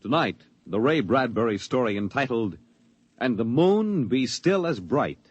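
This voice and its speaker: A man's voice: mid-range voice, very animated, a little slow, breathy edge, no echo. A man doing scripted 1950s radio announcing in a dramatic, declamatory manner. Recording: dull vintage radio recording, loud music.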